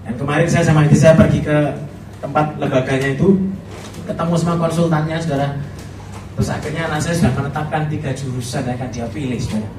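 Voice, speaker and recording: A man's voice: mid-range voice, background noise. A middle-aged man with a Javanese accent, preaching a chatty, humorous sermon as a pastor. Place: church hall. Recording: echoey hall, voice from far off.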